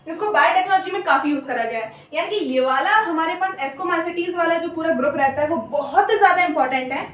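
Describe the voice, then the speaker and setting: Young female tutor, high-pitched, chatty and apologetic, recorded off-mic in an echoey room. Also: far from the mic. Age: young adult. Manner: chatty, apologetic, repeats terms slowly. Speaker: biology teacher. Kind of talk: casual Hindi lecture with mnemonics.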